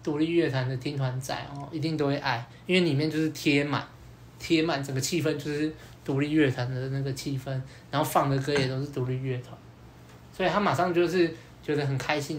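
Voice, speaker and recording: A man's voice: fairly high pitch, a little hiss or hum. Young Taiwanese man telling a story. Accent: Taiwanese Mandarin. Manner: lively anecdote-telling, acts out quoted lines; casual slang and mild swearing. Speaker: podcast host. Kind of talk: casual storytelling chat.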